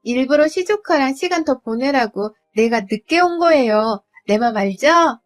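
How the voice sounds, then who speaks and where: A woman voicing a pushy, entitled young sister-in-law who talks in a shrill, demanding, wheedling way. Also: lively intonation, a little slow, soft background music.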